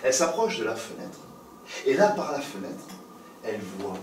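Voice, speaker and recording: A man telling stories on stage, playful and lively, moving between loud and hushed. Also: medium pitch, moderate pace, a little hiss or hum. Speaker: storyteller. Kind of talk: theatrical storytelling for adults. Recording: roomy live recording from a distance.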